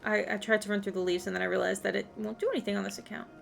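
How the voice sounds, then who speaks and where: A woman's voice: medium pitch, level tone, rapid-fire, gravelly, soft background music. A woman chatting casually on a game livestream, rambling and thinking aloud as she plays. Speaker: game streamer.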